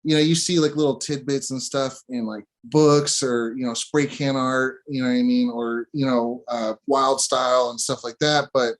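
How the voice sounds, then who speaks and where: A man's voice: medium pitch, fairly even intonation, normal speed, few pauses. A man hosting a casual interview, talking in a laid-back way with lots of slang fillers. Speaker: interview host.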